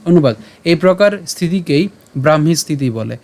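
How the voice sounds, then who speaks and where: A man with a Bengali accent leads a slow recitation lesson, sounding out each word syllable by syllable and repeating it with patience. His voice sits a little higher than most men's. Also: lively intonation, darkish tone. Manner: patient, repeats each word slowly and asks rhetorical questions. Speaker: teacher of scripture recitation.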